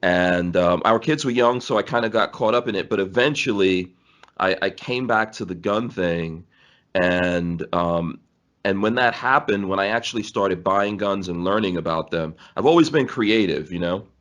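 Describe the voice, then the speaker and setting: A man's voice: low voice, moderate pace, a bit bright. A man in his forties, born in Guyana and raised in New York City, rambling through stories as a podcast guest, with frequent laughs. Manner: rambling, laughs often, restarts. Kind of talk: casual storytelling interview.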